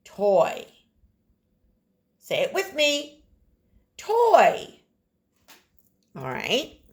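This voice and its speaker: Her pitch is medium but swings widely, and she never rushes. A woman teaching phonics to kindergarteners, she sounds out words, repeats them with exaggerated stress, and speaks encouragement straight to the kids.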